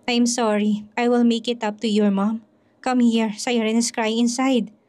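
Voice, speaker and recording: Woman reading a gentle, firm young father. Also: on the high side, little pitch movement, a little slow, natural voice.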